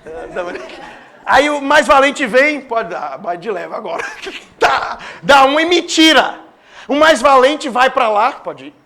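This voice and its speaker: A man preaching a sermon in a church with a Brazilian Portuguese accent, swinging between loud declarations and hushed asides. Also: very high voice, animated, unhurried. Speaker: pastor.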